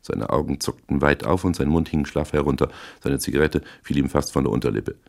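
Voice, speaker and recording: A man with an extremely deep voice reads a hard-boiled crime novel in the first person. His telling is dry and measured, steady from line to line. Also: creaky. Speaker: audiobook reader.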